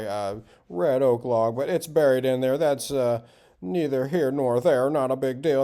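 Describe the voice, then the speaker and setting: Outdoors in a windy wood lot, a Southern US man rambles through a casual vlog, full of "uh"s and restarts, his voice not yet back from a sore throat. He has a mid-range voice with a dark tone. The sound is clean and studio-like, with no echo.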